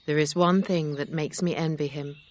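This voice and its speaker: A woman reading aloud, voicing a kind, sincere gentleman in a low, measured tone. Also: steady tone, close to an everyday voice.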